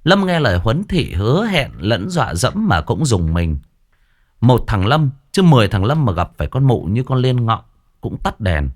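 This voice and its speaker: Lively storyteller, man. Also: mid-range voice, moderate pace. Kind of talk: scripted horror story narration.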